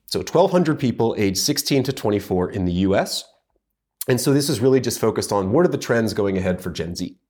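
A man with a fairly low voice co-hosts a podcast. He talks through material in a casual, analytical way, with thoughtful pauses and plenty of fillers. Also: animated, darkish tone, slightly rough. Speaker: podcast co-host.

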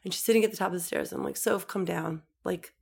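A middle-aged woman talking casually as an interview guest, telling animated stories and acting out the voices she quotes. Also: lowish voice, fast, creaky, breathy edge. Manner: animated storyteller, acts out quoted voices, many "like" fillers.

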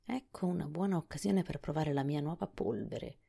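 A woman voicing a scheming old witch in a storybook reading, shrill and excited in her outbursts. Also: moderate pace, vocal fry, husky, full character voice.

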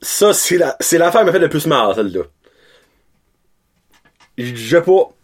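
Animated man talking hockey. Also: fairly high pitch, measured pace, slightly rough. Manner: lively, mixes English words into French. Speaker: podcast co-host. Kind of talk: casual hockey chat.

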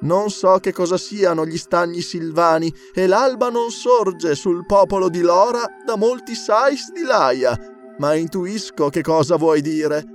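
A man voicing a proud, alluring woman priestess in an audiobook, speaking slowly in a raised, lilting voice. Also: soft background music. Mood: imperious. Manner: slow, lilting, high put-on voice.

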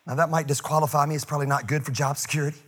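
Husky, bright-voiced preacher man. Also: fairly high pitch, racing, long reverb tail. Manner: humorous, animated preaching with asides. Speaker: pastor. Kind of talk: sermon.

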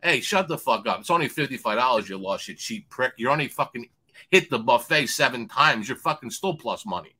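A swearing sports bettor who rants loudly and plays out the other people in his story himself. His voice is bright and forceful, pitched at an ordinary middle height for a man. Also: animated, brisk, breathy edge. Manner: loud, swears constantly, acts out other voices. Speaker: sports betting handicapper guest. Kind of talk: profane ranting storytelling.

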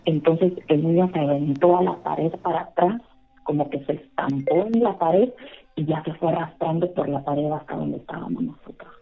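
A woman's voice: sits low, moderate pace, creaky, faint music behind. A woman earnestly telling a rambling personal ghost story, calling in by phone. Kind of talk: casual storytelling. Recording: phone line.

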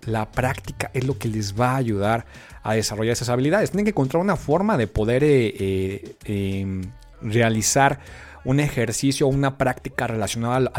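A man with a Mexican accent, an English teacher giving a friendly, chatty podcast lesson with frequent filler pauses. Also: medium pitch, a little mellow.

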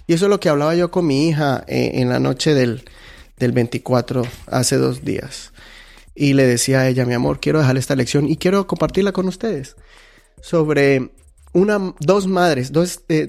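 A man's voice: a little high, a little mellow. Earnest man giving a devotional talk. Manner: earnest, teaching, tells stories with quoted dialogue. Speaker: podcast host.

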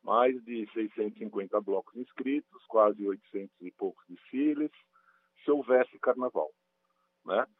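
A man's voice: fairly low pitch, moderate pace, slight background noise. A man calling in to a radio interview as a guest spokesman, on a glitching line that keeps cutting out, explaining at length with many "é" and "né" tags. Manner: long explanations full of "é" and "né" tags. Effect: glitching audio, the call keeps cutting out. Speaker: guest spokesman for a carnival bloc collective. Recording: tinny phone line breaking up.

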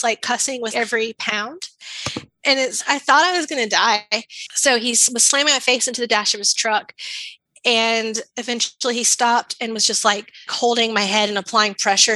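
A woman's voice: fairly high pitch, pushed and bright, dry recording, low-quality recording. A woman as an interview guest, telling a personal story candidly with lots of "I was like.". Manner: candid, fast-flowing storytelling with frequent "I was like".

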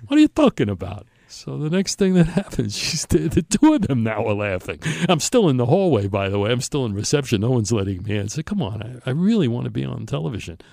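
A man's voice: mid-range voice, very animated, fast talker, creaky, few pauses, darkish tone, no echo, clean studio sound. An older man with a Brooklyn accent tells a personal story in an emphatic, conversational way, acting out the dialogue. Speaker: storyteller on a talk show.

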